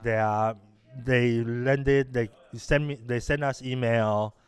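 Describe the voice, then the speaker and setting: Being interviewed about his work as an innovation lab director, a middle-aged Taiwanese man speaks in a mid-range, steady, clean tone. He answers conversationally but haltingly, restarting often and filling pauses.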